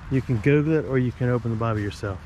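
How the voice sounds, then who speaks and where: A man's voice: medium pitch, very fast, dark tone, highs cut off, a little hiss or hum. A man giving casual, joking commentary while walking around an old rural churchyard cemetery. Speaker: explorer vlogger. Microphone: camera mic while walking.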